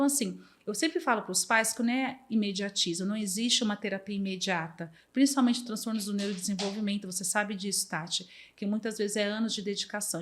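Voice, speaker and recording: A woman from Brazil, chatting as an interview guest about music therapy, sometimes singing and acting out bits of children's songs. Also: mid-range voice. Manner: lively, sings and acts out snatches of children's songs. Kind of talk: casual interview chat.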